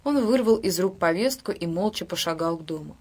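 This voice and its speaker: A woman narrating a book in a measured, even storytelling manner. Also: fairly low pitch, husky. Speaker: audiobook reader. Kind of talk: scripted narration.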